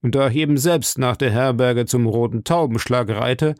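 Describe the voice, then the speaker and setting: A man voicing a stern older cardinal in an audiobook, speaking in a slow, measured, probing way. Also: mid-range voice, a little mellow, no echo, studio quality, lightly acted. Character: stern, silky older male cardinal of high rank. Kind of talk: audiobook reading.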